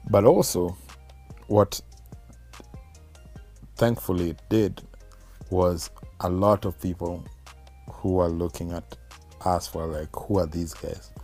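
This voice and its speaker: A man's voice: low voice, fairly even intonation, slow pace, pauses often, dark tone, faint music behind. A man with a Kenyan accent talking casually and reflectively as a guest musician in an interview.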